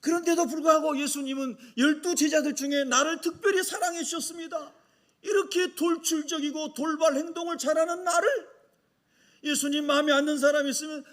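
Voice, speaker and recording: A pastor voicing the apostle John, confessing. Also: male voice, very high voice, fairly even intonation, a little fast, fairly bright tone. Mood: grateful. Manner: earnest first-person confession, subdued. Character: humble hot-tempered male Galilean fisherman apostle, confessing.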